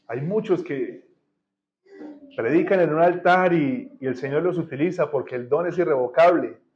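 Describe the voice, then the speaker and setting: A man's voice: on the high side, moderate pace, a little mellow, dull audio. A man preaching a sermon in a church, blunt and colloquial with strong emphasis. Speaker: pastor. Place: church hall.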